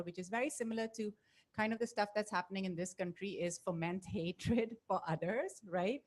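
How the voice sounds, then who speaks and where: A middle-aged woman from Pakistan, speaking on a panel before an audience, telling her story earnestly into a handheld mic. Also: mid-range voice. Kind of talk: panel talk. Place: event space with audience.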